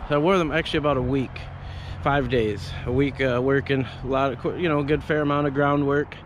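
A man in his thirties, an arborist, reviews gear from up a tree outdoors, filmed on a head-mounted action camera. His mid-range voice is brisk with fairly even intonation, and his casual, rambling talk is full of fillers and restarts. There's slight background noise.

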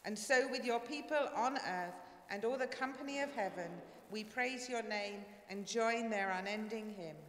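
A woman pastor leading a communion prayer in a measured, solemn way, her voice ringing with cathedral echo. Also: fairly high pitch. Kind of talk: liturgical prayer. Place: large church sanctuary. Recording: echoey church hall, faint ambience.

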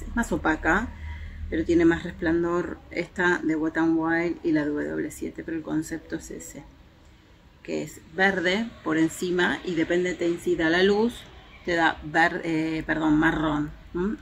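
Chatty woman reviewing makeup, gravelly voice. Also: low voice, a little hiss or hum. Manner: chatty, hesitant fillers, shows swatches to viewers. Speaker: beauty vlogger. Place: home terrace, outdoors in daylight.

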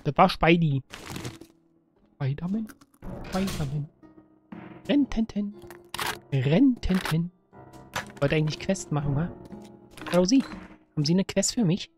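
A woman's voice: sits low, normal speed, long pauses, over music. A woman giving chatty let's-play commentary, giggling, teasing the enemies and slipping into sing-song rhymes. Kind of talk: casual gameplay commentary.

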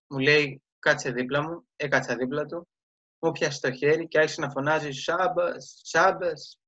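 A man's voice: fairly high pitch, a bit bright. A man telling a religious story in a casual daily talk, with many fillers and restarts. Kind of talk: casual spoken storytelling lesson. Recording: dull lo-fi sound.

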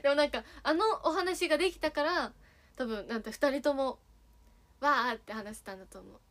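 A young woman with a light Sanuki accent from Kagawa chats on a casual livestream. She answers fan messages playfully and giggles often. Her voice sits a little high. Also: a little fast, fairly bright tone. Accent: Sanuki dialect (Kagawa). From Kagawa, Japan. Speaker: idol streaming and chatting with fans.

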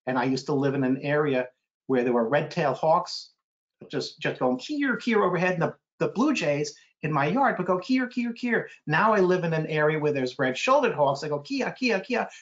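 Answering questions as a guest author, a middle-aged American man chats casually over a computer video call from an indoor room. His pitch is fairly high and swings widely, at normal speed. The video call audio sounds dull and lo-fi.

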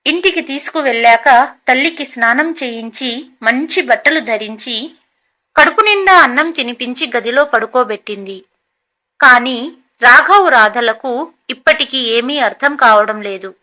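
A woman storyteller reads a scripted tale in an even, measured delivery. Her voice is high and bright, with a crisp edge. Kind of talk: scripted narration.

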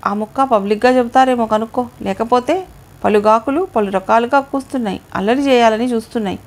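A woman's voice: a little high, a little fast. A woman voicing a dignified, long-suffering mother in an audio novel, firm and restrained.

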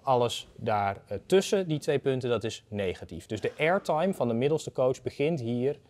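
A man in his thirties with a mid-pitched, highly animated voice. He explains technical data conversationally, building it up step by step in a didactic way. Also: moderate pace. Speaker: expert guest, data analyst. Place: indoor garden atrium of a university building.

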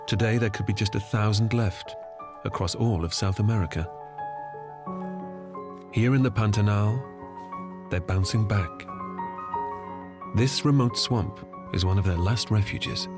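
Male narrator for nature documentary, fairly deep voice, scripted storytelling delivery, music underneath. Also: unhurried, long pauses. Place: studio voice-over. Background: background music.

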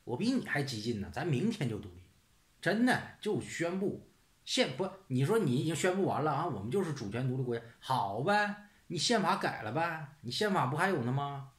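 Brief: blunt, sarcastic man, somewhat high, lively pitch, swearing casual rant, echoey room. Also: brisk. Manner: rhetorical questions, "是不是" tag. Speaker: channel host. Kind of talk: casual ranting monologue. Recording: roomy echo.

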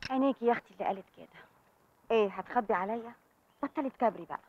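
A woman's voice: a little high, very fast, dry recording. An actress with an Egyptian accent playing a blunt young woman who teases and confronts her friend. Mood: frank. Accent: Egyptian Arabic. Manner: blunt, teasing. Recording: slightly muffled film soundtrack.

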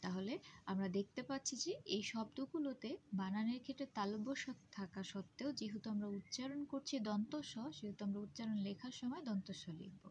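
A woman teacher explains pronunciation at a measured pace, breaking words into sounds and repeating them with care. Her pitch sits in an ordinary middle range. A faint hiss runs under the recording. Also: darkish tone. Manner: slow, careful, spelling out sounds and syllables. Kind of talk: Bengali pronunciation lesson.

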